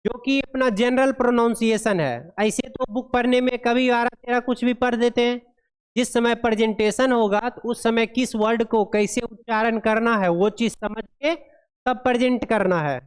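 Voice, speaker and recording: A woman teaching pharmacy students in a classroom, speaking in a smooth, fairly high voice. She reads each point slowly and then explains it, checking often that the class follows. Her voice rings with a long reverb off the room. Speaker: pharmacy lecturer. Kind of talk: classroom lecture.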